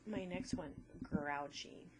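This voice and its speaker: A woman's voice: deep voice, slow pace, darkish tone, a little hiss or hum. A woman teacher patiently walking through a phonics lesson step by step.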